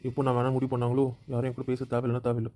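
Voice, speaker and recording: A man's voice: mid-range voice, completely flat delivery, very fast, warm tone, natural voice. A man playing a hurt, sulking husband who stubbornly refuses to talk in a family skit. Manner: sulky, repetitive, stubborn.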